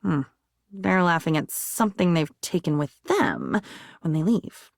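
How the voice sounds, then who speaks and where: A woman with a lowish, very animated voice speaks unhurriedly with vocal fry, heavily acted, in clean studio sound with no room sound. She plays an anxious, insecure living diary in a video game, morbid and erratic, her fragmented, theatrical delivery swinging between muttering and outbursts. She sounds self-loathing and lonely.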